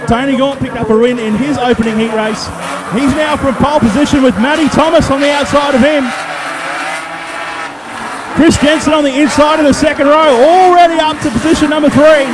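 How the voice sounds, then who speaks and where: An Australian man calling a race as a motorsport commentator, excited, colloquial and punchy. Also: very high voice, a little fast, noisy background. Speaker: speedway race commentator and trackside interviewer. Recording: loud race car engines behind the voice. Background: race cars, engines and tyre squeal.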